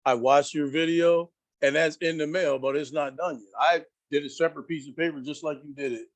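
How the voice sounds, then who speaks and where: A man's voice: fairly high pitch, steady tone, a little fast. A man calling in on a video call, asking questions in a rambling, frustrated way with many restarts. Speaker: caller.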